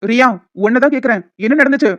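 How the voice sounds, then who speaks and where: A woman's voice: mid-range voice, quick pace, darkish tone, no room sound, natural voice. A woman voicing a protective young man who questions firmly and reassures in a cartoon. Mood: demanding. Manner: firm, questioning. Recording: dull lo-fi with music behind.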